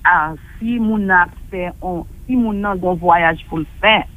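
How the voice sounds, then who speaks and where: A man with a Haitian accent, speaking on a radio talk show over a telephone line, halting and often repeating himself as he restarts. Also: high voice, no echo. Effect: heard over a telephone line. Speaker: guest reporting by phone. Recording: narrow tinny phone line.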